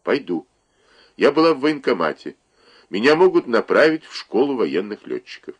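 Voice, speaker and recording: A man voicing a calm, stubborn young woman who speaks firmly and steadily in a read-aloud story. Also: medium pitch, moderate pace, breathy edge, pitched above the performer's own voice. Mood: resolute.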